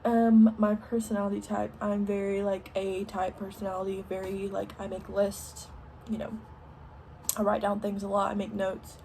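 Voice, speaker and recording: A young woman with a Southern country accent answering questions in a relaxed home Q&A, filling pauses with lots of ums and likes. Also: medium pitch, a little hiss or hum. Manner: chatty, many ums and likes. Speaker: vlogger. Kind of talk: casual Q&A while doing makeup. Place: home, indoors.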